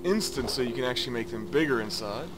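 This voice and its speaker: The host of a gameplay video, a man with a mid-range voice, walks through a game in a casual, improvised way, talking fast and animatedly. Loud game music plays underneath his commentary.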